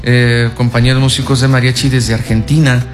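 A man's voice: mid-range voice, level tone, normal speed, soft background music. A man with a Mexican accent, a mariachi musician, answering questions courteously as a guest in a radio studio. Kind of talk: radio interview.

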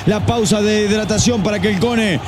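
An Argentine man with an Argentine Spanish accent, giving fast live football play-by-play commentary for an online stream and reading viewer messages aloud. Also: high-pitched, fairly even intonation, background noise.

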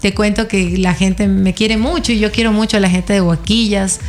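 Soft background music plays as a woman from El Oro, Ecuador, speaking southern coastal Ecuadorian Spanish, talks as an interview guest. She is chatty and expressive, with frequent laughter and fillers, in a mid-range voice at a moderate pace.

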